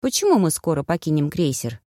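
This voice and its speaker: A woman voicing a lively, playful young heroine who complains and exclaims in an audiobook. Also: low-pitched, fairly quick, no echo, clean studio sound, full character voice.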